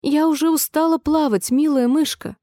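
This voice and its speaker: A woman's voice: high voice, fairly even intonation, moderate pace, dark tone, no echo, studio quality, pitched above the performer's own voice, lightly acted. A woman voicing a polite, chatty, fretful little girl in a storybook reading, sounding eager and apologetic.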